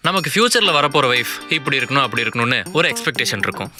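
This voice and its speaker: A man's voice: medium pitch, expressive, racing. A young man narrating to the audience and arguing as an exasperated husband in a comic short film. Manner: exasperated, addresses the audience directly. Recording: music bed under the voice.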